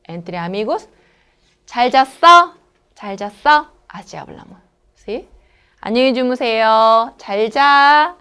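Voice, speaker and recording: A woman whose first language is Korean teaches a lesson in a smooth, clear voice that sits a little high. She explains slowly and checks often that the listener follows. She says each example phrase brightly and quickly, then drops low and quiet for her short comments. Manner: slow, patient explanations with frequent checking questions.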